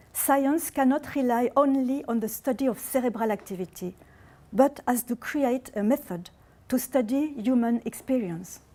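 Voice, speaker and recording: A woman with a French accent delivers an academic lecture in a mellow, slightly high voice. She speaks in a measured way and pauses on fillers as she finds her words.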